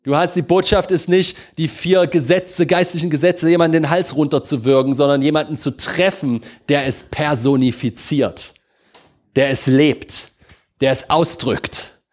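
A man preaching a sermon, swinging between slow, emphatic proclamation and soft, intimate prayer, often checking in with his congregation. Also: on the high side, steady tone. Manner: addresses congregation with repeated questions.

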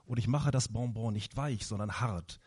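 A man voicing a kind, patient old candy maker gently explaining things to his granddaughter. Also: medium pitch, normal speed, slightly rough, natural voice. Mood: musing.

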